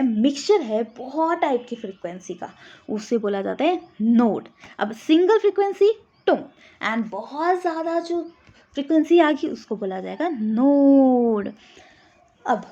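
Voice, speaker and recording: A woman's voice: high voice, warm tone, muffled recording. A woman teacher giving an exam-prep physics lesson, explaining step by step and often checking whether students have understood. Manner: explains step by step, keeps asking "samajh aa gaya?" to check.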